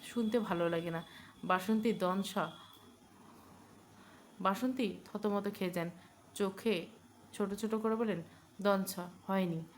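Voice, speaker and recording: Woman narrating a romance story, mid pitch, slows down on the dialogue, faint room hum behind. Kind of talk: scripted narration of a romance novel with voiced dialogue.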